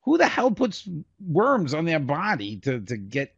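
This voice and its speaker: A man's voice: fairly high pitch, wildly swooping pitch, a little slow, husky, no room sound. A man co-hosting a comedy podcast, cracking jokes and laughing at his own puns. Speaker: podcast co-host. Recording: dull lo-fi podcast audio.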